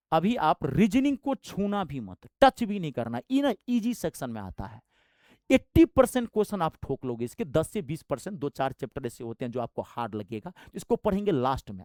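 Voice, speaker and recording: A man's voice: a little high, dry recording, studio quality. A man, giving a fiery, blunt motivational exam-prep talk as a coaching teacher, with rustic slang.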